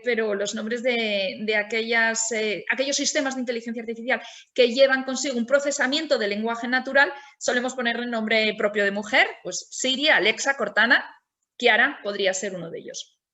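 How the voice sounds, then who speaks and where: A woman's voice: on the high side, fairly bright tone. A woman giving a webinar presentation, explaining things with frequent restarts. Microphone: video call.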